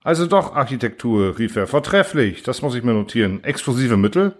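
A man's voice: mid-range voice, big pitch swings, a little fast. A man reading an audiobook, voicing a huge alien diplomat who asks hasty, impatient questions. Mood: brisk, dismissive. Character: huge alien male diplomat, brisk and condescending. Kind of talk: audiobook character voice.

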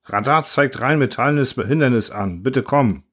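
A man's voice: mid-range voice, normal speed, fairly bright tone, natural voice. A man reading a storybook voicing a male pilot calling in terse radio reports. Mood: tense. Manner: clipped radio-call phrasing.

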